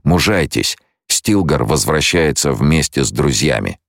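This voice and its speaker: A man reading an audiobook, voicing a blinded young male prophet-leader who speaks in a steady, commanding, measured way. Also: a bass voice, gravelly, no room sound, studio quality, full character voice. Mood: calm.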